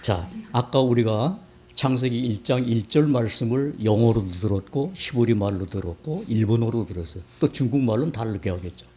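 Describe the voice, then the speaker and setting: A man's voice: mid-range voice, brisk, a little mellow. A man preaching in a conversational way. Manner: conversational, quizzes the congregation. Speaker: church elder preaching. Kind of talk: sermon. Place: church sanctuary.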